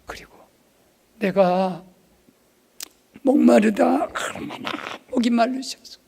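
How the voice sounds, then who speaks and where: A man preaching a revival sermon in a church, dropping to hushed asides and rising to loud exclamations. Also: very high voice, slow, vocal fry, slightly rough. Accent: Korean. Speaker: pastor. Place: church sanctuary.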